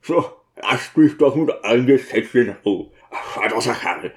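A man's voice: mid-range voice, lively intonation, moderate pace, lightly acted. A man doing a grumbling, grieving deacon. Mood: brooding. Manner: grumbling, sulky, weary. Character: grieving, brooding male deacon, stubborn.

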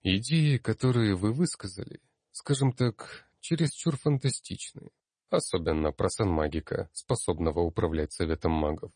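Man doing older male fire mage, calm, measured, lecturing, deep voice, dry close sound. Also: husky, dry recording.

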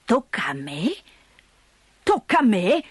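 A woman voicing a grumpy old mountain grandfather who speaks curtly and gruffly in a storybook reading. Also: low-pitched, lively intonation, unhurried, dry recording, voice pushed down, heavily acted. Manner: curt, gruff, muttering.

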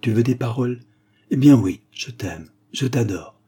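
A man's voice: mid-range voice, expressive, normal speed, mellow, breathy edge. A man reading the lines of a passionate young woman in love, in an ardent, pleading way.

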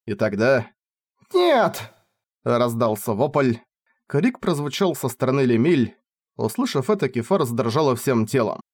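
A man's voice: mid-range voice, expressive, normal speed, a little mellow, no room sound, clean studio sound. A man reading a fantasy novel aloud as an audiobook narrator, telling the story expressively.

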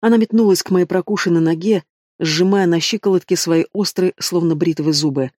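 A man narrating a fantasy novel in the first person, steady and dramatic. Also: sits high, fairly quick, dry recording, clean studio sound. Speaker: audiobook narrator.

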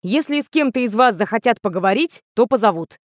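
A woman's voice: a little high, lively intonation, fairly quick, dry recording, studio quality, lightly acted. A woman voicing a weary, stern middle-aged male teacher who speaks curtly and with authority. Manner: curt, grim, authoritative.

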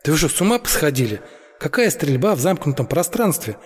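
A man voicing a stern, cautious young leader who gives firm orders, in a husky voice. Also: medium pitch, very animated, normal speed, mellow, big-room sound. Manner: firm, commanding.

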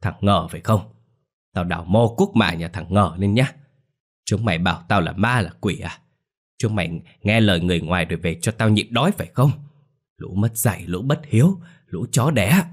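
A starving, possessed old grandmother, as a male narrator puts her on, spits out curses in a snarl and breaks into screams. The voice sits higher and louder than his own deep tone, and it is harsh and wild throughout. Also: lively intonation, moderate pace. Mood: raging curses. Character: ravenous foul-mouthed old grandmother, possessed and ghoulish.

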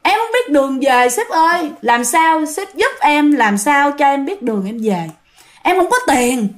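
A woman's voice: high-pitched, expressive, unhurried. A woman with a Southern Vietnamese accent voicing the pleading, tearful ghost of a lost young male worker in a spoken ghost story.

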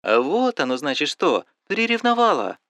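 A man's voice: a little high, sing-song, normal speed, fairly bright tone, dry recording. A man voicing a worried, nosy middle-aged mother in audiobook dialogue, fussing and asking question after question. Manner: fussy, coaxing, keeps asking questions.

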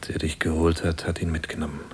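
A tender husband speaks to his sick wife in hushed tones in a German radio play. His voice is extremely low, with a faint rumble in the background. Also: level tone, quick pace. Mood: gentle. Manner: gentle, hushed, often whispered. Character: devoted husband caring for his dying wife.

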